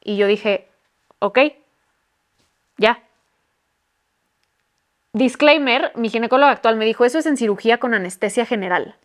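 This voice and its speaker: A woman's voice: fairly high pitch, moderate pace, long pauses. A woman in her twenties with a Mexican accent, telling a personal story on a podcast in candid, slangy speech. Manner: candid, slangy, swears freely, acts out quotes. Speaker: podcast guest. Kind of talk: casual storytelling.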